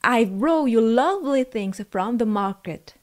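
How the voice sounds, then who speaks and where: A woman's voice: fairly high pitch, lively intonation, takes it slowly. A woman voicing a sly, menacing male wolf in a storybook who fakes a mother's voice and talks in a coaxing manner. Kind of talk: storybook narration.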